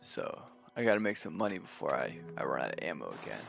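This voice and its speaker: A man's voice: rumbling low, big pitch swings, fast talker, creaky, fairly bright tone, faint music behind. A man giving casual, laid-back let's play commentary, thinking aloud as he plays. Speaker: gameplay streamer.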